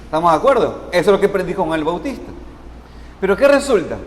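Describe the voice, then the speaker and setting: High-voiced pastor preaching in a hall. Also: male voice, animated. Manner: asks the congregation questions and answers them; slows down to stress key words. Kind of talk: sermon. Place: church sanctuary. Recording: long reverb in a church hall, faint noise.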